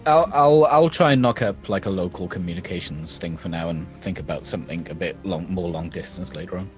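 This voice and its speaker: A man's voice: sits low, brisk, soft background music. A man chatting casually as a player in a tabletop role-playing game.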